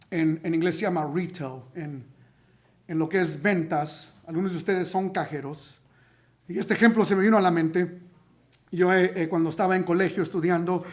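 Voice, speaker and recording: A young adult man preaching a sermon as pastor in a conversational way, acting out quotes and slipping in English words. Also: sits high.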